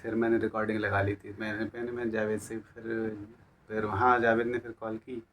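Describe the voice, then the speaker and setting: A man's voice: on the low side, flat delivery, a little fast, a bit bright, a little hiss or hum. A young man in his twenties chatting casually, cutting in to correct details of a shared story. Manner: chimes in to correct details, laughing. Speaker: vlog co-host. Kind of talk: casual chat.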